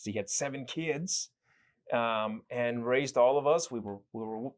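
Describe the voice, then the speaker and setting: A man's voice: medium pitch, measured pace. A man from El Salvador, a guest in an interview, telling his story reflectively, with frequent restarts and fillers. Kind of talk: conversational interview.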